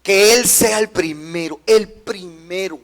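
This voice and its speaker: A male pastor preaches in a high-pitched voice, repeating key words for emphasis. He mixes scripture reading with playful, humorous asides to his congregation. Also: slow pace, fairly bright tone. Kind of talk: sermon.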